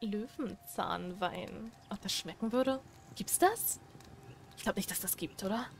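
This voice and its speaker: A young woman giving casual let's play commentary, chatty and excitable, breaking into loud squeals. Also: medium pitch, a little slow. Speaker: gaming streamer.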